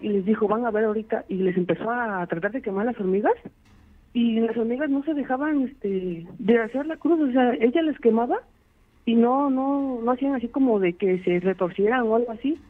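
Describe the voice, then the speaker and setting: A man's voice: very high voice, brisk. Man telling his story over a phone line. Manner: rambling, many "este" fillers. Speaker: caller. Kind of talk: telling a true scary story.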